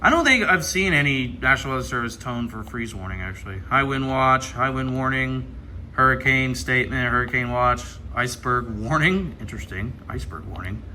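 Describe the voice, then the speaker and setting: An expressive, fairly quick mid-range voice with a sharp tone belongs to an American radio hobbyist from Ohio. He presents an unboxing with casual, hands-on commentary, thinking aloud and muttering over menu items, with clear background noise behind him.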